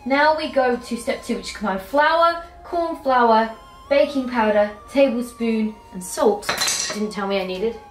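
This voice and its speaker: Her voice is fairly high and a little slow. She's a young British cooking vlogger casually chatting in her kitchen, rambling and self-mocking about her mistakes, with faint music and an echoey sound.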